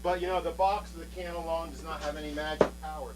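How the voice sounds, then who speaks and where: A man's voice: fairly high pitch, flat delivery, quick pace, low-quality recording. A man working as a children's party magician, giving showy magic patter, coaxing the young audience and counting aloud on an amateur home video. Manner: coaxes audience, counts aloud, theatrical presenting.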